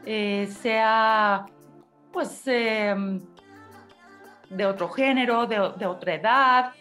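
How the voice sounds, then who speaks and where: A woman from Mexico hosting a radio interview, agreeing warmly and adding questioning tags like "right?". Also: medium pitch, very slow, soft background music. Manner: affirming, adds agreeing tags. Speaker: radio host.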